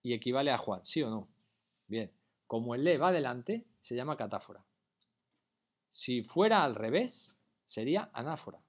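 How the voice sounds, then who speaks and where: A man's voice: mid-range voice, very animated, normal speed, pauses often. Spanish-man teaching a class. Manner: patient, keeps checking understanding with questions. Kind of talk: classroom lecture.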